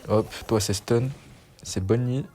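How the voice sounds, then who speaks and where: Low-voiced young man, dark gameplay chatter. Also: steady tone, slow, faint music behind. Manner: self-mocking, chatty, slangy. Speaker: gaming YouTuber. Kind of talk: casual gameplay commentary.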